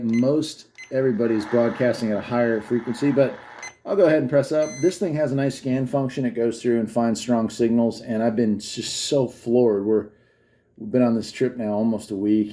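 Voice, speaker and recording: On a phone camera held by another person, a man hosting a YouTube gadget demonstration rambles along eagerly in a casual way. His voice is mid-range with a dark tone, and faint background noise sits under the recording.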